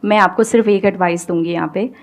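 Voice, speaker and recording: A woman's voice: mid-range voice, fairly even intonation, fast talker. A woman speaking with an Indian accent, a guest giving an emphatic motivational talk that switches between Hindi and English. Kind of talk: motivational talk on a stage show.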